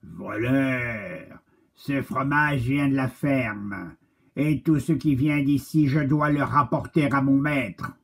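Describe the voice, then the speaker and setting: A man voicing a stern guard dog in a children's story, scolding in a husky voice. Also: mid-range voice, takes it slowly, full character voice.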